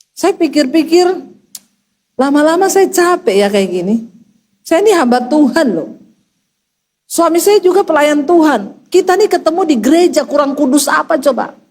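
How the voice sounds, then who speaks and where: High-pitched lady pastor, middle-aged, funny storytelling sermon. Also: measured pace, long pauses. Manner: humorous storytelling, animated asides.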